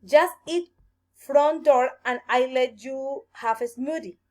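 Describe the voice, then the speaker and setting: A woman voicing a smug, stubborn witch in a fairy tale, speaking slowly and teasingly. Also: high voice, darkish tone.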